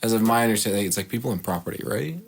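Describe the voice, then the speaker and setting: A man's voice: lowish voice, rapid-fire, vocal fry. A young man, a podcast co-host in casual chat, giggly and chiming in with short remarks.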